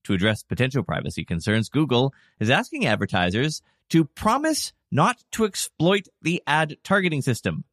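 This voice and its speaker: A man's voice: medium pitch, sing-song, normal speed, few pauses, a bit bright, no room sound, clean studio sound. A man hosting a news podcast, delivering scripted reports and casual asides as a presenter.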